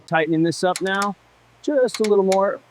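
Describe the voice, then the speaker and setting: A car restoration mechanic with a high-sitting voice talks at a moderate pace, calling out each step in short, clipped, procedural phrases. Slight background noise is audible as he gives this step-by-step workshop commentary.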